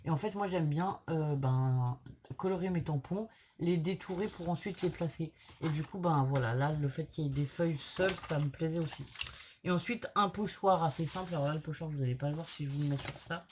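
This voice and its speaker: Casting: female craft vlogger, low voice, sick with tonsillitis and sore-throated, apologetic casual delivery, faint background noise. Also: a little fast, a little mellow. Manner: hesitant, apologetic, chatty. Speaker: craft channel host. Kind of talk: casual unboxing vlog.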